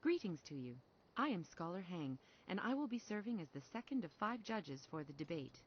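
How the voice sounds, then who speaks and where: A polite scholar judge in a video game, calm and honorable. Her lowish voice still moves widely, over dull lo-fi audio. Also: slight background noise. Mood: courteous. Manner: polite, measured.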